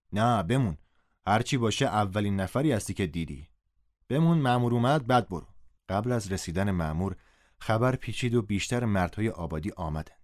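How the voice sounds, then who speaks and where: A man narrating a story in first person, reading the dialogue aloud with a raised voice. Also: low voice. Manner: reads dialogue in a raised, louder voice.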